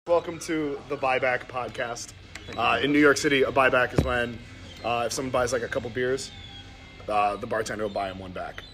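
A man's voice: mid-range voice, brisk, music in the background. An American man hosting a casual interview, asking simple questions in a slightly hesitant way. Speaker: podcast host, interviewer. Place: in a bar.

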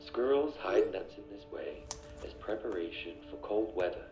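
A calm, very low-voiced nature documentary narrator, voiced by a man. The sound is roomy and muffled, like a television playing in the background. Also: normal speed, faint music behind, lightly acted. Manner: calm, informative. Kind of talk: scripted narration. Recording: roomy, dull TV audio from far off.

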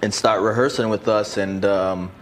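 A man's voice: fairly low pitch, steady tone, moderate pace, slight background noise. A man chatting casually in a joking, slangy manner, as one performer among friends. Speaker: stage show performer. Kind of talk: casual chat.

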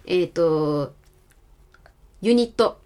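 A woman's voice: fairly low pitch, animated, extremely slow, warm tone. A woman co-hosting a podcast from home, telling a story in a chatty, casual dialect. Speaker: podcast co-host, band member.

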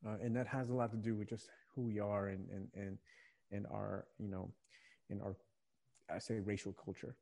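This podcast guest is a young man from Virginia who runs a young adult ministry. His lowish, creaky voice has a dark tone and a flat delivery at normal speed. He talks earnestly and thoughtfully, restarting phrases often as he looks for words.

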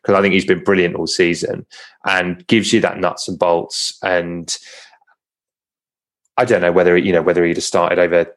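A man's voice: low-pitched, little pitch movement, moderate pace. A man with a Home Counties English accent hosting a casual sports chat, often repeating and correcting himself. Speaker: podcast host.

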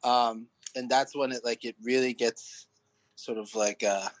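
A man's voice: medium pitch, fairly even intonation, a little slow, dry recording. A man in his late thirties from San Diego, chatting as a guest on a podcast. He rambles loosely, with lots of "uh" and "like" and false starts. His voice sits in a middle register, and the recording is dry and close, with no room sound. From San Diego, California. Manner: rambling, many fillers and restarts. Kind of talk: casual interview chat.

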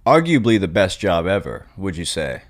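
Low-voiced young man hosting a chat. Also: big pitch swings, normal speed. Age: young adult. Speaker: podcast host. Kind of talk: casual interview chat.

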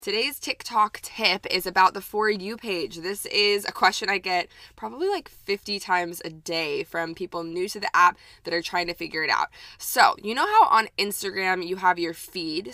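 Here a young podcast host with a slight Texan accent chats casually on her own show, cheerful and loaded with filler words. Her voice runs on the low side with a sharp tone, and there's no room sound at all.

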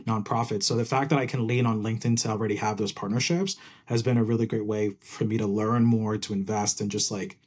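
Speaking a little fast with hardly any pauses, this young man, born in Puerto Rico and brought up in New Jersey, is an eager interview guest who works as a program manager and keeps tacking "right?" onto what he says in the casual chat. His voice is lowish, fairly even in intonation, a little mellow and slightly rough.

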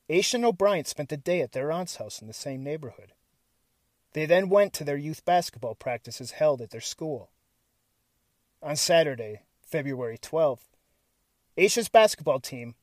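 A man narrating a scripted true-crime story in a suspenseful, measured, serious manner with deliberate dramatic pauses. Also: on the high side, darkish tone, no echo. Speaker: host and narrator of a missing-persons series.

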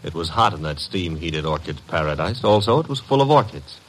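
Archie, low-voiced wisecracking detective's sidekick. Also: male voice, lively intonation, a little fast. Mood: wry narration. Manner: breezy, slangy, wry. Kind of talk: 1940s-1950s radio drama acting and hard-boiled narration. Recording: noisy vintage radio recording.

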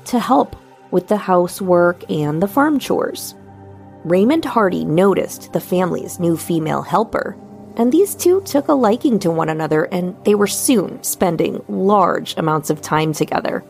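Female sleep story narrator, soft and soothing, mid-pitched with noticeable vocal fry, music underneath. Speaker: podcast host and narrator. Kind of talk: sleep story narration, scripted true crime bedtime storytelling.

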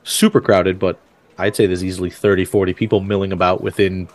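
A man narrating and running a tabletop role-playing game as game master, breaking into a high voice for his characters. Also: fairly quick. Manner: animated, jumps to a high falsetto for voiced characters.

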